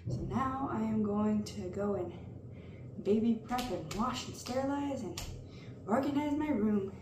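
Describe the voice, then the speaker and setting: Slow-talking young woman, roomy and distant. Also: fairly high pitch. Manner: slow, unhurried show-and-tell of items. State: pregnant, a little out of breath. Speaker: vlogger. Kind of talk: casual haul vlog. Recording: roomy, off-mic with background noise.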